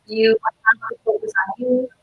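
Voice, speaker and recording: A woman's voice: high voice, sing-song, normal speed, creaky, breathy edge. A woman chatting casually as a fitness coach co-host over a glitchy video call, thinking aloud with fillers and sounding muffled. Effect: heard over a glitchy video call. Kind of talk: casual chat.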